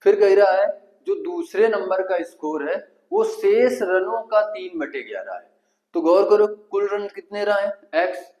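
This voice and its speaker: A man's voice: high-pitched, a little mellow, low-quality recording. A man with a Kanpuri Hindi accent teaching an exam-prep math lesson, asking the class questions and answering them himself step by step.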